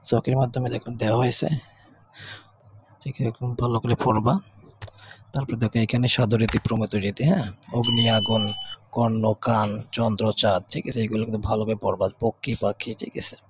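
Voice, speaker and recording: Husky male teacher, repeating himself. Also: level tone, brisk. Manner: keeps asking "okay?" with a rising pitch; repeats each word twice as he reads. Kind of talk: exam revision lesson.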